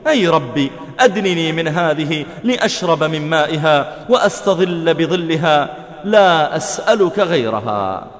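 A man's voice: a little high, animated, moderate pace, in a large hall, natural voice. A man voicing a humble, pleading man, in a raised, earnest tone.

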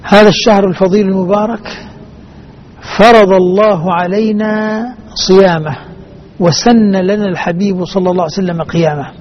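High-voiced man teaching in formal standard Arabic. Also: steady tone, fairly quick, pauses often. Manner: didactic, enumerating and repeating points. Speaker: host and teacher of a Quran recitation programme. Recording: dull band-limited broadcast with faint noise.

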